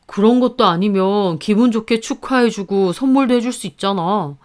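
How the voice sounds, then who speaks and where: A woman's voice: mid-range voice, moderate pace, a little mellow, lightly acted. A woman voicing a defensive, condescending husband who needles his wife, in a narrated story. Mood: needling. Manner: needling, accusing.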